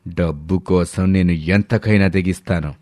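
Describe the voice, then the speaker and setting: A man's voice: sits low, steady tone, moderate pace, a little mellow, no echo, studio quality, close to an everyday voice. A man voicing a ruthless, greedy middle-aged villain uncle in a storybook drama, speaking coldly and threateningly. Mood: menacing. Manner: cold, threatening. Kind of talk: storybook voice acting.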